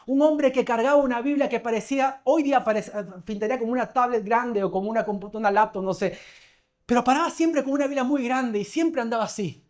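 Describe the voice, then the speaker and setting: A man's voice: extremely high pitch, fast talker. A man preaching a sermon as pastor, talking conversationally, telling stories and asking the congregation questions.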